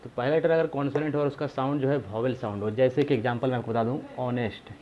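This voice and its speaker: A man's voice: medium pitch, steady tone, racing, lo-fi sound. A man teaching a grammar lesson, explaining patiently and repeating himself, asking rhetorical questions to his viewers.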